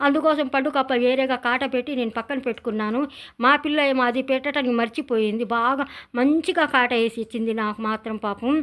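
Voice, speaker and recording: A woman's voice: a little high, fast talker, a bit bright. A middle-aged woman with a Telugu village accent, narrating her home cooking in a chatty, rambling way. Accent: Telugu village speech. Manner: chatty, rambling storytelling with many restarts. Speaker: cooking channel host. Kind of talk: casual cooking vlog narration.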